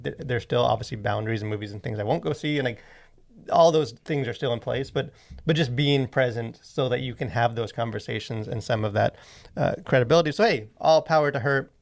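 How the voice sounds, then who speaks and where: Chatting casually, this male podcast host has a medium-pitched voice with clear vocal fry and a brisk pace. He rambles in fits and starts, filling his thoughts with lots of filler words as he works through them.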